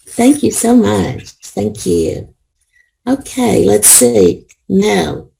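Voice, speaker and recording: A woman professor runs an online class over a video call, calling on each participant and checking that she pronounces their names correctly. Her mid-range voice is gravelly and dark, with lively intonation and an extremely slow pace. The audio is poor.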